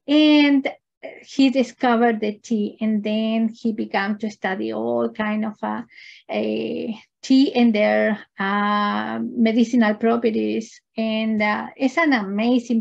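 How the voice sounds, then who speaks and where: Woman, English, higher pitch, gravelly, hesitant. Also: little pitch movement, dull audio. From Chile. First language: Spanish. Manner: halting, non-native phrasing with many fillers. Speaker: artist. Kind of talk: virtual gallery talk.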